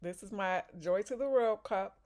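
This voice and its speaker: A Chicago woman vlogs in a casual chat, eating and sipping a drink as she talks. Her voice is medium-pitched with a darkish tone, at normal speed.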